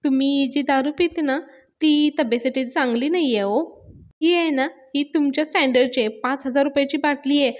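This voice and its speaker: A woman's voice: high-pitched, fairly quick, natural voice. A woman voicing a brash young man who pushes a party on someone and talks over others. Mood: pushy.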